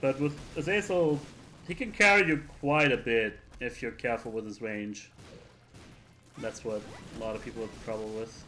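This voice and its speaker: A man's voice: medium pitch, normal speed, pushed and bright. A man giving laid-back, meandering live commentary on a video game he is playing. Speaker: let's player.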